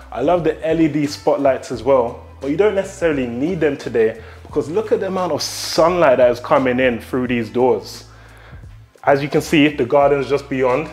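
A man's voice: mid-range voice, darkish tone, reverberant. A young man with a London accent leading an enthusiastic walk-through tour of a newly built house, talking straight to viewers. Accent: London English. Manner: upbeat, enthusiastic, addresses viewers directly. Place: empty newly built house, indoor rooms and garden.

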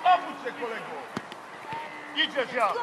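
A man coaching a youth football team from the touchline, shouting urgent short commands and players' names outdoors. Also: very high voice, very animated, measured pace. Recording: noisy outdoor crowd recording. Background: crowd and street noise.

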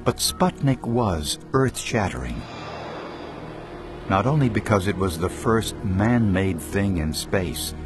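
A man's voice: fairly low pitch, expressive, slow. A man giving dramatic scripted documentary narration. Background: loud music.

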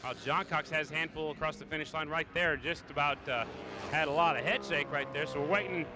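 A man commentates live on a motorcycle race with an excited, high-pitched voice. His calls are short and punchy. Loud engine and outdoor noise surrounds him. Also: brisk. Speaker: race track announcer. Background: motorcycle race track ambience.

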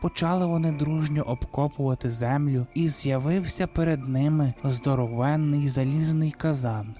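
A man's voice: on the high side, normal speed, mellow, soft background music. Man narrating a gothic folk tale. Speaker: audiobook reader. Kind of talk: scripted storybook narration.

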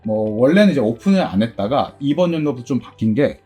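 A middle-aged man with a dark, slightly husky voice answers interview questions casually, his pitch rising and falling in a lively way. He rambles comfortably with many fillers, over faint music. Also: quick pace. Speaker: game store owner.

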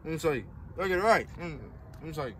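Young man, cigarette in mouth, high lively voice, noisy outdoor phone audio. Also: very fast. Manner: repetitive, slangy, mumbled through a cigarette. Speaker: comedy sketch creator. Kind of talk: comedy skit.

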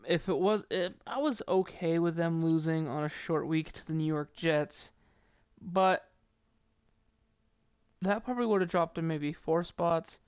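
A man with a New England accent talks through his football picks in a loose, opinionated ramble and often stumbles and restarts mid-sentence. His voice sits a bit high and sounds smooth and clear. It is recorded close and dry, with no room sound. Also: a little mellow, no echo. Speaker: sports commentator ranking football teams. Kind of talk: casual solo sports commentary.

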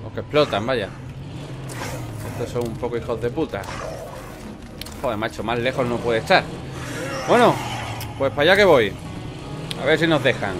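Swearing Spanish gamer commentating. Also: male voice, medium pitch, normal speed, pauses often, music in the background. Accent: Spain. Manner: swears freely, chats back at game characters. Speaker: gameplay commentator. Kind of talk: casual let's play commentary.

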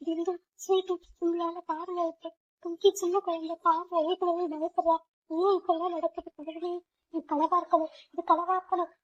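A woman's voice: very high-pitched, little pitch movement, normal speed. A woman voicing a protective older sister figure who reassures the younger girls. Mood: panicked. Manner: reassuring, motherly. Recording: dull lo-fi sound.

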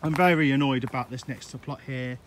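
A brisk, mid-range male voice carries a laid-back, rambling tour of an allotment and polytunnel, full of uhs, over slight background noise. The gardener shoots it outdoors on a handheld phone as he walks.

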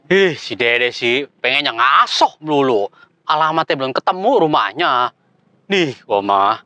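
A man's voice: medium pitch, animated, measured pace, pushed and bright, dry recording. A man hosting a comedy sketch, talking in fussy, exasperated slapstick banter.

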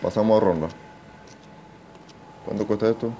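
A young man giving casual gameplay commentary, excitable, swearing often and talking to himself. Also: lowish voice, normal speed, a little hiss or hum. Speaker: gaming channel host.

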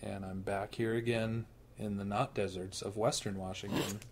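A man's voice: lowish voice, flat delivery, normal speed. A man in his thirties with a Minnesota accent, co-hosting a casual chat and telling stories with playful asides. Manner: joking storyteller, playful asides. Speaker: podcast co-host.

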